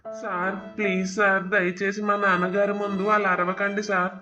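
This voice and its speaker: A man's voice: high-pitched, flat delivery, normal speed, bright, forceful tone, highs cut off, faint music behind. A man voicing a remorseful young son who begs the officer to spare his father. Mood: pleading. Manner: begging, apologetic, repeats sir.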